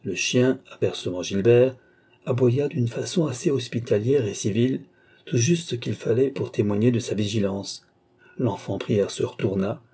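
A man narrating a classic novel for an audiobook. His voice is low and dark, a little husky, and he reads in a measured, steady way. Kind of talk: scripted narration.

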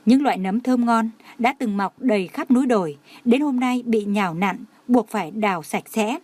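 A woman reading a romance novel aloud in steady, even storytelling. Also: fairly high pitch, normal speed, no echo. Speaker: narrator.

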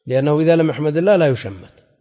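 Speaking very fast with lively intonation, this male scholar leads a religious class, explaining things conversationally and didactically while often questioning his students. His voice is fairly high and warm in tone, set in an echoey hall with long reverb.

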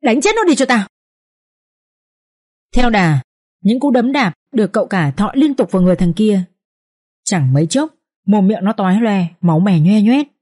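A young woman narrating a Vietnamese family drama with lively, colloquial storytelling. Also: mid-range voice, moderate pace, husky. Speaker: audiobook narrator.

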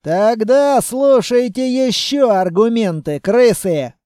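A man voices a reckless rebel yelling defiant threats from above, loud and slow. The tone is high and dark, close and dry. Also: dry recording. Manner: shouting and defiant.

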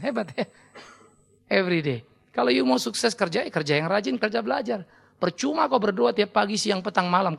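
A middle-aged man with an Indonesian accent preaching a sermon as pastor, animated and teasing, acting out his listeners in quick asides. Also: high voice, gravelly, breathy edge.

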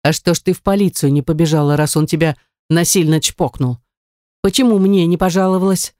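Audiobook heavy: woman reader doing a snarling jealous young man, lowered voice, mellow and dry. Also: fairly quick, no echo, natural voice. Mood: menacing. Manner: snarling, sneering. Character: menacing jealous young man, cruel and mocking.

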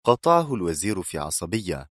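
A male narrator reads a thriller with dramatic expression. His voice is very deep and swings widely in pitch, with a dry, close recording. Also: sing-song, a little fast, a bit bright, no room sound. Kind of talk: scripted audiobook narration.

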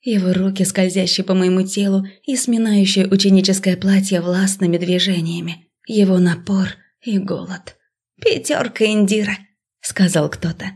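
A woman narrating a first-person romantic fantasy novel with a medium-pitched voice. Her reading is expressive and sinks into soft, breathy hushes in the intimate moments. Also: moderate pace. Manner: expressive, drops to a hush in intimate passages. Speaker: audiobook narrator.

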